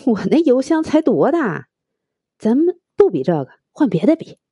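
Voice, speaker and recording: A woman's voice: medium pitch, wildly swooping pitch, unhurried, creaky, mellow, breathy edge, no echo, full character voice. A woman voicing a cheeky young man who drives a battered car, whining and wheedling in a storybook tale.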